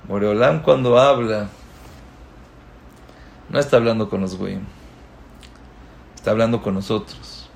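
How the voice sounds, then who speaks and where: A man giving a religious lecture as a rabbi. He tells stories and swings from loud exclamations to hushed asides. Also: fairly low pitch, a little slow, vocal fry, pauses often. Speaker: rabbi giving a Torah talk.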